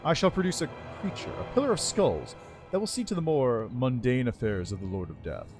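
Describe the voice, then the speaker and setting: A man's voice: medium pitch, sing-song, brisk, over music, lightly acted. A man voicing an ancient undead lich from a game, with a dry voice and a pompous, scornful, formal manner. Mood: imperious. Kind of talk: voiced reading of game dialogue.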